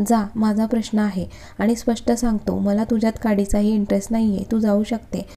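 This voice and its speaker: A hot-tempered young businessman from a storybook love story, curt and commanding, read by a woman narrator. The tone is dark and soft-edged. The delivery stays flat and level. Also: mid-range voice, a little fast, close to an everyday voice. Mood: angry. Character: stern young male businessman, short-tempered. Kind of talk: storybook reading.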